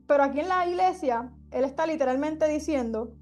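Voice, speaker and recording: A woman's voice: high-pitched, fairly quick, a little mellow, faint music behind. A young woman leading a Bible study, telling a heartfelt testimony in a sermon style and often asking her listeners rhetorical questions. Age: young adult.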